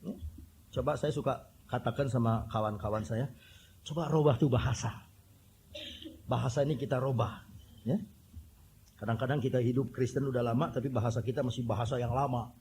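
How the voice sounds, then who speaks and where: A man preaching a sermon, animated and joking, with mimicked voices and whistle sounds. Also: mid-range voice, a little fast, long pauses, a little hiss or hum. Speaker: pastor.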